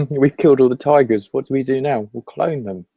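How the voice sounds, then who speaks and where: A man's voice: mid-range voice, normal speed, warm tone, slightly rough, no room sound. A man co-hosting a casual podcast chat, joking and laughing often as he rambles through his points. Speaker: podcast co-host. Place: at home while eating.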